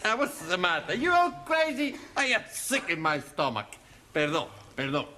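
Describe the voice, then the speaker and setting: An actor playing an excitable, confused Spanish night-school student in a sitcom, complaining dramatically in broken English with a Spanish accent. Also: male voice, high-pitched, normal speed, slight background noise, exaggerated voice. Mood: queasy, worried. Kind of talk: television sitcom acting.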